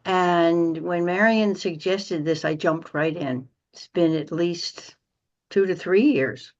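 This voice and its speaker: Woman podcast co-host, lowish voice, unhurried and complimentary, muffled lo-fi audio. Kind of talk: casual podcast interview.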